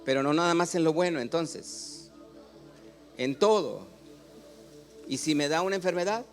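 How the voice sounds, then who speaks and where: A Mexican man, a pastor, preaching a sermon. He asks the congregation questions, has them read along, and often builds up to loud exclamations. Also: on the high side, animated, measured pace, soft background music.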